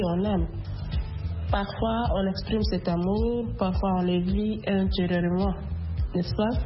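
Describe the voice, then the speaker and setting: A woman in her twenties phones in to a radio show and shares her view in an unhurried, thoughtful way. She pauses often and hesitates between phrases. The sound is dull and lo-fi, with faint music behind. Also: mid-range voice. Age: 20s. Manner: slow, reflective, frequent hesitations. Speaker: radio caller. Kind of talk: casual call-in opinion.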